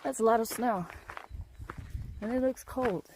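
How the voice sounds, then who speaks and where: A woman vlogs from a desert hiking trail, exclaiming and marveling as she goes. Her speech is slow and drawn out, her voice sits fairly high, and clear outdoor noise runs behind her handheld recording. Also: poor audio. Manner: excitable, exclaiming. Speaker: vlogger hiking a long trail. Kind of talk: casual outdoor vlog.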